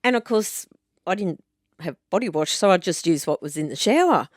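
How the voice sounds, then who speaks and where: A woman with an Australian accent, co-hosting a podcast as an animated, teasing storyteller. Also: lowish voice, normal speed, no room sound, studio quality. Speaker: podcast co-host. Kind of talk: casual chat.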